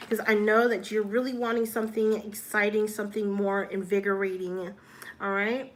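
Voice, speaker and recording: A woman's voice: medium pitch, a bit bright, slight background noise. A woman doing a casual tarot reading in an upbeat, encouraging way, often checking in with "all right?". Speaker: tarot reader.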